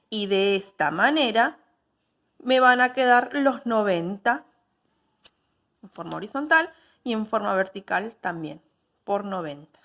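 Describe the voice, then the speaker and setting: A woman's voice: medium pitch, a bit bright. A woman, giving a patient step-by-step technical drawing lesson and checking in with her students after each step.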